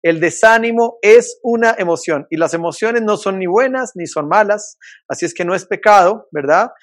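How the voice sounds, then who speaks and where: A pastor preaching a conversational sermon over a video call, often asking rhetorical questions. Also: male voice, high-pitched, moderate pace. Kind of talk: online sermon.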